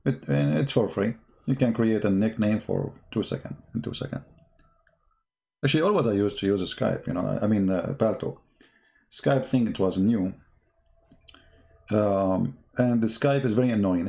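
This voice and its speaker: Speaking in a low-ish, mellow but gravelly voice with an Arabic accent, a livestream host and religious polemicist works through chat comments in an off-the-cuff monologue. His English is non-native, halting, blunt and combative.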